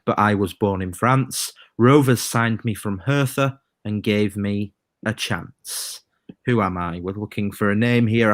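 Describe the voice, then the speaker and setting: A man hosting a live quiz stream, reading rhyming clues slowly and chatting between questions. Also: lowish voice, no room sound, clean studio sound. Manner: reads quiz rhymes slowly, chatty asides. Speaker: quiz host.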